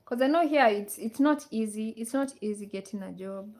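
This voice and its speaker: Speaking at a moderate pace with a voice on the high side and a little mellow, a woman from Kenya runs a relaxed live chat for viewers, reading out comments and repeating the questions she puts to them.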